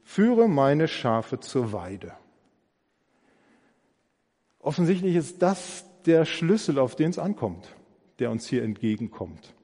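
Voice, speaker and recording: A man's voice: mid-range voice, very animated, slow, long pauses, dark tone. A man preaching an earnest, reflective sermon, acting out imagined dialogue with emphasis. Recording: long hall reverb.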